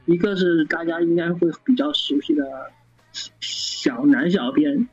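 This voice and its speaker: A man's voice: on the high side, a little mellow, faint music behind. A man who is a guest on an interview podcast, talking casually with frequent stammered restarts. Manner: halting, many stammered restarts. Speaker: guest, fan site founder. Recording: dull lo-fi sound.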